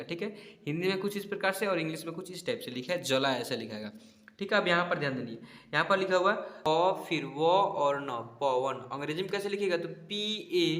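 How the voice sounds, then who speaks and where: Echoey male teacher spelling words slowly. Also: fairly high pitch, fairly bright tone. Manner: slow syllable-by-syllable spelling, frequent "ठीक है?" checks. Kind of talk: spelling lesson over a screen.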